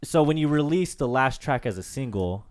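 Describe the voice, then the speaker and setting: A man co-hosting an album review in a casual chat, easygoing and measured. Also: mid-range voice, expressive, darkish tone. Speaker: co-host reviewer.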